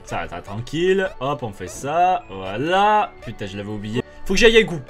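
A young man giving casual let's-play commentary as a gaming YouTuber, excitable and swearing often as he laughs at his failures. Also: medium pitch, normal speed, soft background music.

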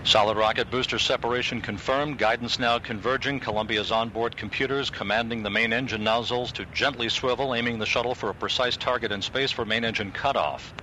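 A man's voice: fairly even intonation, brisk, few pauses, sharp tone. A man giving factual, procedural live flight commentary from mission control. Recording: clearly noisy broadcast with rumble.

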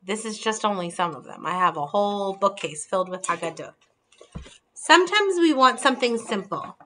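A woman's voice: mid-range voice, sing-song, normal speed, a bit bright, a little hiss or hum. A woman in her thirties hosting a casual video call from her dining room, explaining and showing books as she talks. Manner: friendly, holds up books while explaining. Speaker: host presenting holiday table ideas. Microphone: video call on laptop camera.

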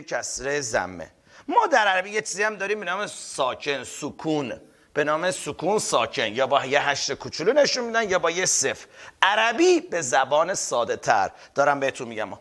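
Lively young man teaching an online class. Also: fairly high pitch. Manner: energetic, repeats terms and keeps addressing students. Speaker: online tutor. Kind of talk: live online class lecture. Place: indoors, filmed for a live class.

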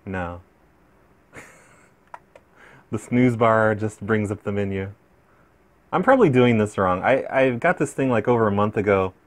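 A man's voice: on the low side, lively intonation, a little slow, long pauses. A man chatting casually as he opens fan mail, rambling and easily amused, with many restarts. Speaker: vlogger opening fan mail. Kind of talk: casual unboxing chat.

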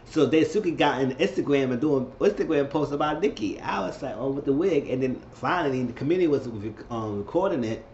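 Animated man recapping drama, roomy sound. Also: a little high, a little fast, hardly any pauses, highs cut off, slight background noise. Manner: animated, gossipy, acts out the quotes. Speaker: reality TV reviewer. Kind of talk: casual recap commentary.

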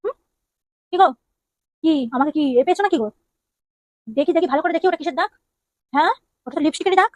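A woman's voice: extremely high pitch, a little mellow, dry recording. A woman acting a jealous, nagging young wife in a comedy skit, firing off scolding questions. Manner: scolding, interrogating with rapid questions.

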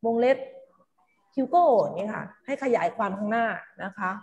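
A woman's voice: medium pitch, expressive, brisk, darkish tone. A woman teaching a primary class online, coaxing pupils to read along. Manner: coaxing, calls pupils "ลูก" and leads choral reading.

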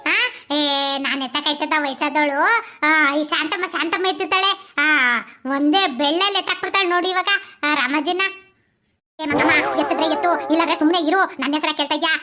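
A performer playing a scolding old village woman with a Mandya Kannada accent, talking fast. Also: sits high, pushed and bright. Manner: scolding, bossy.

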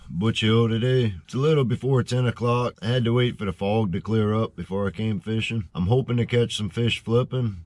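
A man's voice: lowish voice, darkish tone. A man casually narrating his kayak fishing trip in a matter-of-fact, laid-back way, recorded outdoors on the water. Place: outdoors on a kayak on a bayou canal. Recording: outdoor wind and water noise.

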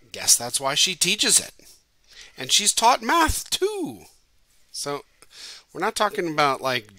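A man teaching in a casual recorded video, chatty and playful. His voice is very bright and forceful, and the sound is close and dry with no room around it. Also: mid-range voice, dry recording.

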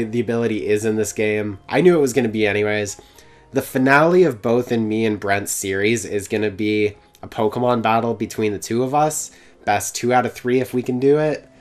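A young man giving casual let's-play commentary, with sarcastic, rambling asides. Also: mid-range voice.

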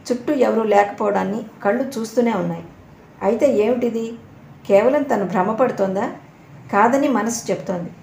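A woman narrating an audio novel in a steady storytelling manner. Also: mid-range voice, gravelly. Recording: echoey room, faint hiss.

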